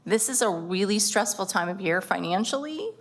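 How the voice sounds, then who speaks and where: A woman on a school board speaking earnestly at a public meeting, getting choked up and stretching out words for emphasis. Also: medium pitch. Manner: earnest, emotional, drawn-out emphasis.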